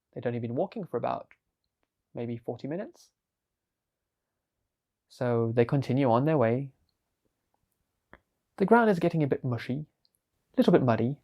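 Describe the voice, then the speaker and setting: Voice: medium pitch, mellow. A storyteller narrating a fantasy tale in a chatty way, with frequent asides to the listener.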